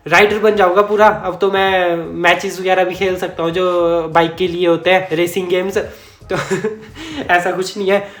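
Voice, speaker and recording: A man's voice: sits high, a bit bright. A man vlogger telling a personal story in a chatty, rambling way, correcting himself and chuckling as he goes. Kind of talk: casual storytime narration. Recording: echoey room.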